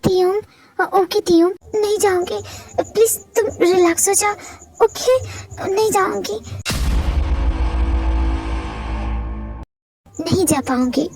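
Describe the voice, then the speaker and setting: Scared young wife played by a woman in a fanfic audio drama, super high voice, fights back then goes soft. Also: normal speed, soft background music. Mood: soothing. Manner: tearful and defiant, later sweet and yielding. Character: frightened young wife fleeing her husband. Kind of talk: Hindi fan-fiction audio drama.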